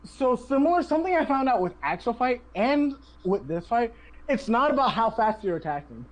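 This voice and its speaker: A chatty host talks over a game run in casual commentary, cutting in with tips and laughing often. Pitch sits mid-range but moves a lot. The delivery stays loose and conversational. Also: big pitch swings, moderate pace, rough recording. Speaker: speedrunner and channel host.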